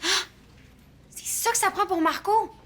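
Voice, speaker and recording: A woman's voice: very high-pitched, unhurried. An eager, meddling teen girl. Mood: excited. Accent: Quebec French. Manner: excited, pushy.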